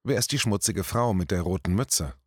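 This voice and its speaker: A man's voice: low-pitched, lively intonation, normal speed, dry recording, studio quality. A man reading out a quoted scene and voicing a little aristocratic girl asking her father innocent questions. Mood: curious.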